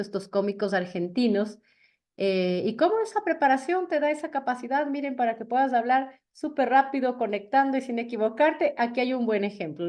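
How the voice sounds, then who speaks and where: A woman with a high voice teaching a public speaking workshop, expressive and playing with pitch and pace to show her points. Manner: expressive, often shifts pitch and pace to demonstrate. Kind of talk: virtual workshop talk.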